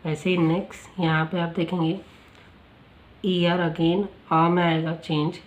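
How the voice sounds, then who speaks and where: A male teacher explaining a spoken-English lesson in Hindi, asking the class rhetorical questions and repeating each word slowly for pronunciation practice. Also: a little high, little pitch movement, roomy sound, poor audio.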